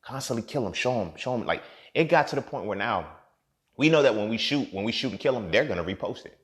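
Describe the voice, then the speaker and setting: A man in his thirties giving a profane, impassioned monologue as a podcast host, swinging from low muttering to loud outbursts. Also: animated, fast talker. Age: 30s.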